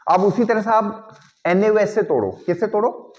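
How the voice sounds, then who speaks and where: A man's voice: high voice, moderate pace, darkish tone. A man teaching a chemistry class, who keeps asking the students whether they understand and mixes English phrases into his talk. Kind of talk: classroom lecture.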